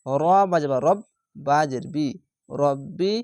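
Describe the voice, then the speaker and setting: A man's voice: a little high, a little mellow, dry recording, studio quality. Man spelling out recitation syllable by syllable. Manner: slow, drawn-out syllable-by-syllable recitation. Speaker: Quran reading teacher. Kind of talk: step-by-step spelling lesson.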